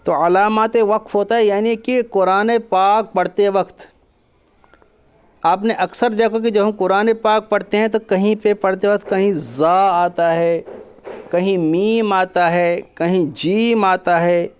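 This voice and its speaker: A man teaching Quran reading in an online lesson, explaining patiently and drawing out letter names slowly. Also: sits high, steady tone, clean tone. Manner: mixes English words into his explanations.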